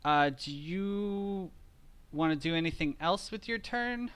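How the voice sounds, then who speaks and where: Bright, crisp-voiced male game master. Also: high voice, slow. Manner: relaxed, chuckling, hesitant fillers. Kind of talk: running a tabletop game online.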